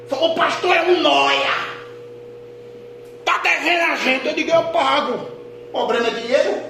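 A man, a pastor, telling a testimony in a sermon, dropping to a hush and rising to shouts. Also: extremely high pitch, vocal fry. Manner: dramatic storytelling, swings from hushed to shouting. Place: church hall. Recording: echoey hall with noise.

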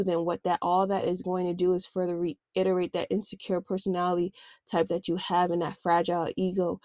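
A woman with a mid-range, darkish voice hosts a self-help podcast, recorded dry with clean studio sound. She talks candidly and conversationally, using slang.

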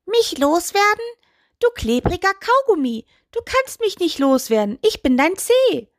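A woman voices a cheeky, rude little talking toe in a bedtime story, smug and full of insults. She pitches her voice above her own, making it high, exaggerated and full of big pitch swings at a measured pace. The studio sound is clean, with no echo.

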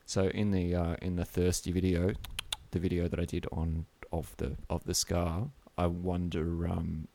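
A man's voice: deep voice, completely flat delivery, a little slow, gravelly, hardly any pauses, mellow. A man with a broad Australian accent hosting a casual podcast chat in a blokey, slangy, sweary way. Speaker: podcast host.

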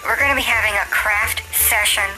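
A woman playing a vain, money-flaunting self-help huckster in an improvised comedy pitch, with an affected, boastful manner. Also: steady tone, brisk, over music, natural voice, low-quality recording. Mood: smug selling. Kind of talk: improvised mock commercial.

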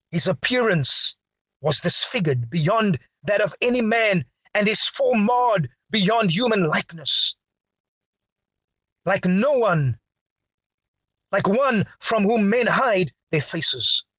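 A man preaching a sermon with a dramatic, drawn-out delivery and big swings in pitch. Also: expressive, a bit bright, slightly rough, no room sound.

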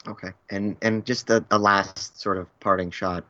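A man co-hosts a podcast in a hesitant, joking manner, with plenty of ums between his thoughts. His voice sits on the lower side. The recording is dry and a little muffled. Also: steady tone, moderate pace, pushed and bright, no echo. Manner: hesitant, filler-heavy, joking. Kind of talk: casual podcast chat.

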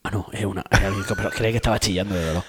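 A man's voice: sits low, fairly even intonation, a crowd in the background. A young man co-hosting a casual comedic podcast chat, teasing and bantering. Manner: joking, teasing, quick banter. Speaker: podcast co-host.

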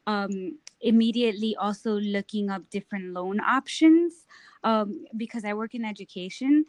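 A woman's voice: mid-range voice, no room sound. Chatty young New woman. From New York. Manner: chatty, many ums and I-means. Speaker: guest. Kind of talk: casual interview.

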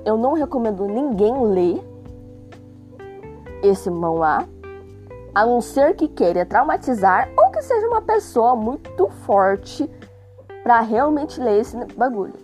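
A young adult woman with a Brazilian accent and a sore, worn throat reads a magazine aloud as host, chatty, joking and self-deprecating, with exasperated asides. Her fairly high, darkish voice swings widely in pitch, a little slow with long pauses, over background music.

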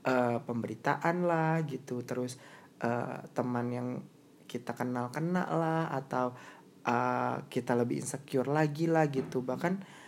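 A young woman speaks in a relaxed, reflective chat, switching often between two languages. Her voice sits low and has a gravelly fry. She talks things through slowly and thoughtfully. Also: a little hiss or hum. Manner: reflective, mixes English into Indonesian. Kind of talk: casual chat.

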